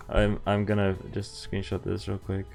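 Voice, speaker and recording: A man streams a visual novel over game music, reading it aloud and acting out the dialogue with casual, playful, reactive commentary. His voice is low and gravelly, his pace unhurried, and his delivery completely flat.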